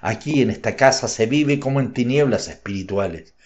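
A man's voice: mid-range voice, animated, moderate pace, a little mellow, natural voice. A male narrator voicing a resolute, devout young daughter who pleads earnestly with her father, in a slightly dull recording. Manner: earnest, insistent.

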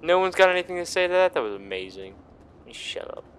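A man hosting a gaming video rattles off sweary, exclamatory commentary, frequently congratulating himself. His voice is high, fast, and sing-song, with a fairly bright, clean tone.

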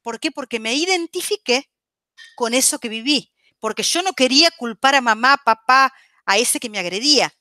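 A woman talks through psychology ideas for radio listeners. Her voice sits high and sounds bright and forward. She often stops to check in with her audience and fills her pauses with small hesitations. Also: lively intonation, dry recording, studio quality. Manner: checks in constantly with the audience, warm teaching tone; chatty, with frequent fillers and restarts. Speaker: psychology speaker on a radio show. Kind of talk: explanatory radio talk.

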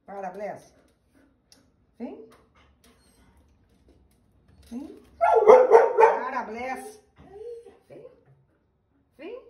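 A woman's voice: a little high, very animated, very slow, creaky, long pauses, dull audio, slight background noise. A woman who owns the dogs, talking to her pets in coaxing baby talk in a casual home video. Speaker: dog owner.

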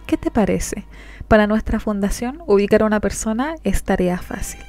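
A woman's voice: medium pitch, moderate pace, darkish tone, soft background music, close to an everyday voice. Woman voicing a cold, bossy young heiress. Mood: cool. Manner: commanding, stern. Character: commanding rich young girl, cold and bossy.

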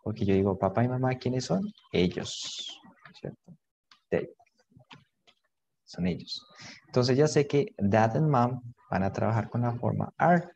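A male teacher explains English grammar slowly and patiently, repeating each word. His voice is gravelly, and faint background noise with keyboard clicks sits under it. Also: mid-range voice, animated, a little mellow, lo-fi sound. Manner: slow, patient, repeats words and translates between English and Spanish. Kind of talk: online English grammar lesson.

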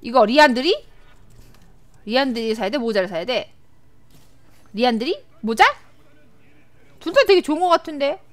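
A young woman streaming a game live, chatting with viewers, often repeating words in rapid excited bursts. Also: fairly high pitch. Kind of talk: live gameplay commentary.

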